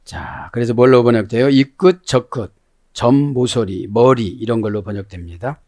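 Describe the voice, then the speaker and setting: A middle-aged man preaching a sermon as pastor, prodding his listeners with constant questioning interjections and slowing down to explain Greek words with emphasis. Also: mid-range voice, fairly even intonation, a little mellow.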